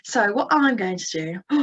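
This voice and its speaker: A woman's voice: mid-range voice, animated, measured pace, a bit bright, husky, dull audio. A young woman expressively teaching children with puppets, punctuating her talk with gasps. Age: young adult. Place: indoors at a computer, virtual background.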